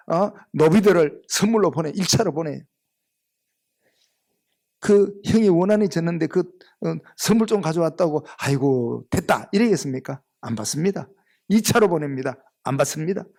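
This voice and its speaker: A male pastor with a Gyeongsang accent preaching a sermon in a church, telling the story with lively acted-out lines. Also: fairly high pitch. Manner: animated storytelling, acts out biblical characters' lines. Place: church sanctuary.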